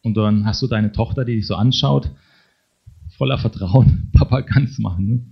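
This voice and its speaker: A middle-aged man preaches a conversational sermon, addressing the congregation directly and ending many sentences with a questioning "ne?". His voice is lowish, creaky and slightly breathy, at a moderate pace, in a dull lo-fi sermon recording.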